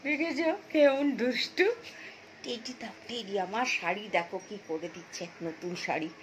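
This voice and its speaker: A woman's voice: mid-range voice, normal speed, a little hiss or hum, poor audio. A woman with a Bengali accent chatting to her pet dogs and her viewers in a coaxing, sing-song voice. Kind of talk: casual chat to pets and viewers.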